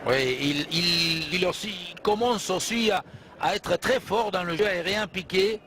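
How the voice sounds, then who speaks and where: A man giving animated football co-commentary, emphatically analysing play and rephrasing his points with halting hesitations. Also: high-pitched. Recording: clear background noise.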